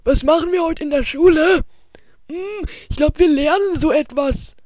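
A woman voicing a silly, cheeky schoolboy in a hobby audio drama, goofy and drawn-out. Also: high-pitched, darkish tone, no echo, studio quality, natural voice. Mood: cheerful.

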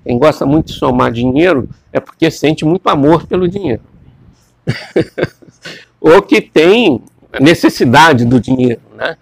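Gravelly man lecturing. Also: a little high, lively intonation, unhurried, long pauses, no echo. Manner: discursive, repeats words, asks students questions. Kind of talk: classroom lecture.

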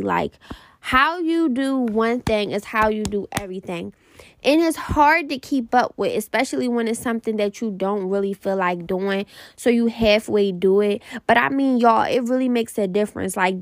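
Young woman podcast host: fast, passionate, repeats herself, some vocal fry, dry close sound. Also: medium pitch, no echo. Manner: fast, repetitive, passionate, slangy. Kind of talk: casual motivational podcast.

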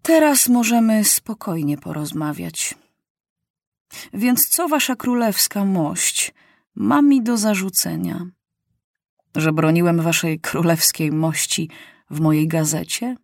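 A woman voicing a sly male journalist spy who speaks in a quiet, pleasant, calm voice, in an audiobook reading. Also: sits high, slow pace, gravelly, dry recording, studio quality, full character voice.

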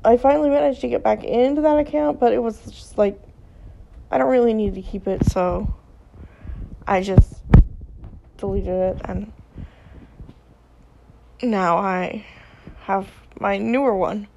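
A middle-aged woman vlogger speaks unhurriedly from home, pausing often, her gravelly, low-energy voice sounding tired and sick. She rambles casually with many ums and trailing sentences, in a dull lo-fi recording with a noisy background.

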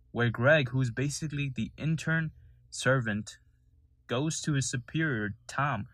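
A man's voice: mid-range voice, a bit bright, dry recording. Earnest young man from Nepal, dry close mic. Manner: earnest, indignant storytelling. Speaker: podcast host. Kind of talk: solo podcast monologue.

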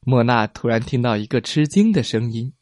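A man narrating a children's story in a slow, expressive storytelling manner. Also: medium pitch, no room sound, clean studio sound.

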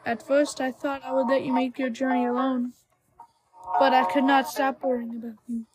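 A woman voicing a gentle, motherly female goat monster who speaks formally and kindly, in a fan dub of a game. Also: high-pitched, flat delivery, normal speed, over loud music, lightly acted, low-quality recording. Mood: tender. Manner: formal, soft-spoken and kind.

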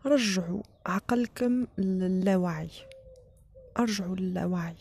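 A woman with an Algerian accent leads a guided relaxation in a soft, often whispered voice, giving short instructions with pauses between them. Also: medium pitch, vocal fry, slightly rough. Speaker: guided meditation leader.

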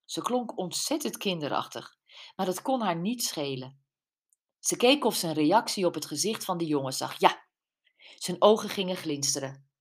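A woman reading a mystery audiobook in a steady, measured narration. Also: lowish voice.

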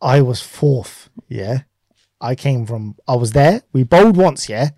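A man's voice: medium pitch, lively intonation, unhurried, dark tone, no room sound, clean studio sound. A young man with a southern English urban slang accent, bantering casually and telling boastful, laddish stories full of bro talk.

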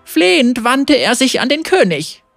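A woman reading a fantasy story aloud in a measured, expressive narrating voice. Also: high-pitched, creaky, dry recording, studio quality, soft background music.

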